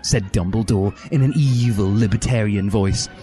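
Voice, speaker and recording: A man giving a comedic, deadpan reading of a fan story as narrator. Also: lowish voice, normal speed, soft background music. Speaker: reader.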